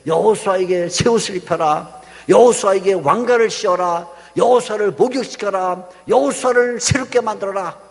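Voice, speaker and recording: A man voicing God commanding angels in a sermon, in solemn, steady orders. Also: sits high, normal speed, creaky. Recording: long church hall reverb.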